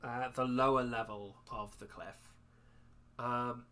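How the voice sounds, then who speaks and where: A man narrating as dungeon master of a tabletop game, chatty and quick to laugh. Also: mid-range voice. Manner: lively, laughing often while describing the scene.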